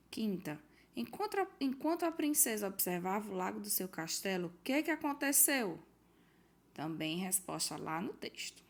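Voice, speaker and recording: A woman's voice: medium pitch, vocal fry. A woman teacher from Brazil patiently walking pupils through a worksheet, reading out the questions and giving hints. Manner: patient, explanatory, reads out questions and gives hints. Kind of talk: recorded homework walkthrough for pupils.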